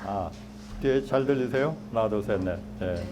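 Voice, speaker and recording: A man's voice: fairly low pitch, normal speed. A man in his sixties giving a public lecture in a small hall, chatting and asking the audience questions. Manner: conversational, asks the audience questions. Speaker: guest lecturer. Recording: lecture hall with background noise.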